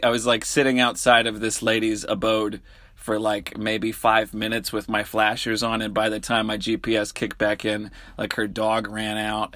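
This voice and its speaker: A young man casually telling a road-trip story, animated and swearing, his voice jumping high when exasperated. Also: no room sound. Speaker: vlogger.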